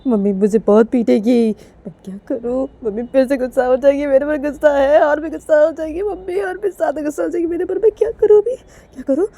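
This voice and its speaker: A woman's voice: high-pitched, brisk, mellow, pitched above the performer's own voice. A woman voicing a frightened young woman who frets and repeats herself while dreading her angry mother. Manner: panicky, fretful, repeating herself. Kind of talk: storytelling in voices.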